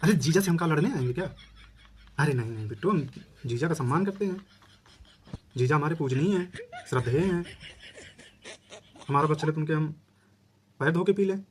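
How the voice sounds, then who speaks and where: A man's voice: on the high side, expressive, a little fast, long pauses, slight background noise. A young man doing a comic one-sided phone call as a brother, swinging from brash boasting to sheepish backpedaling. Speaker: comedian playing a brother on the phone.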